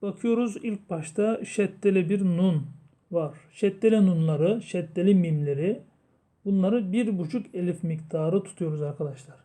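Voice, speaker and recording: A man teaching Quran recitation rules, explaining slowly and chanting the verses long and drawn out. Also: sits high, warm tone. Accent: Turkish. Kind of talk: tajweed lesson with chanted recitation.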